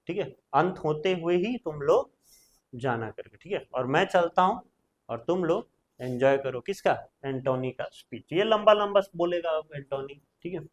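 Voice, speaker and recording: A young man tutors students through a play in Hindi. His voice sits a little high, and he keeps tacking "theek hai" onto his phrases. When he reads the English lines, he slows down and stresses each word. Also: expressive. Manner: says "theek hai" constantly. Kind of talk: explaining a play line by line in Hindi.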